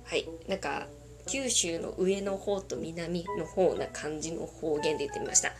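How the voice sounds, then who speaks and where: A woman's voice: sits low, normal speed. A woman hosting a casual podcast, reading out listener requests in a playful, self-conscious way and laughing often. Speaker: podcast host. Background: faint background music.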